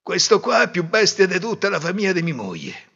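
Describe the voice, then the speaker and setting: A man voicing a fed-up young groom, scolding loudly and sarcastically. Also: high-pitched, wildly swooping pitch, fairly quick, creaky, slightly rough, voice pushed up, exaggerated voice. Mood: exasperated. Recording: dull lo-fi recording.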